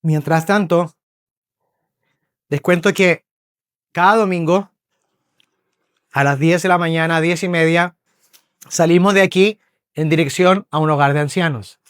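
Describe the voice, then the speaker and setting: A man from Spain preaching a sermon, telling lively stories, acting out voices and often checking in with his listeners. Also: a little high, measured pace, pauses often, clean tone, no room sound, studio quality. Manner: animated storyteller, acts out voices, checks in with listeners. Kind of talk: sermon with storytelling. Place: church hall.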